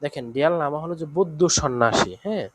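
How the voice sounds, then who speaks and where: A man's voice: a little high, animated. Man teaching with patient lists. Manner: explains slowly, lists examples with many fillers and checks. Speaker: language teacher. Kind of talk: online language lesson.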